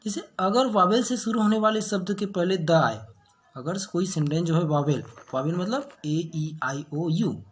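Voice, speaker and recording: A male teacher giving a grammar lesson, slowly explaining and answering his own rhetorical questions. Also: high voice. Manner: asks rhetorical questions then answers, checks with "okay"; slow, deliberate explaining. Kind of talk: classroom-style grammar lesson.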